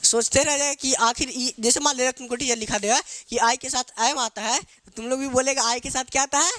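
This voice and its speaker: A male English teacher, teaching grammar to a live classroom in call-and-response style and dictating English phrases slowly. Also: very high-pitched, steady tone, bright, forceful tone, no room sound. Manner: call-and-response drilling, asks students to repeat each answer. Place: classroom with students.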